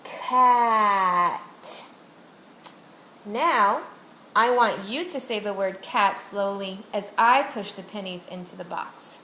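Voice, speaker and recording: A woman teacher demonstrating a reading lesson with a student, saying each word slowly and deliberately to model its sounds. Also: mid-range voice, pushed and bright. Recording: echoey room with faint noise.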